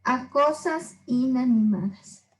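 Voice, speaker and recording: A woman teacher explaining literary figures to a class, patient, going through examples slowly and checking in with short questions. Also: sits high, rough recording. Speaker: language teacher.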